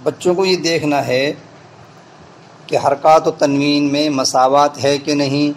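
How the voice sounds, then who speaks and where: A male Quran reading teacher explaining pronunciation to teachers and pupils, and breaking into slow, deliberate letter-by-letter spelling drills. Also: a little high, steady tone, a little hiss or hum, poor audio.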